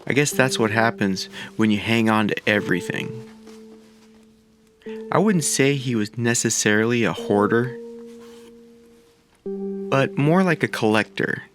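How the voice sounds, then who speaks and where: Over music, a man in his forties speaks a little slowly and pauses often in a mid-range voice. As a video creator he talks casually to viewers and reflects on his personal thoughts.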